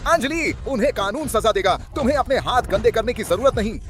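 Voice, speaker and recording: Protective young man, urgent and imploring, high lively voice, faint music. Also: fairly quick, noisy background. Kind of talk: dubbed drama acting.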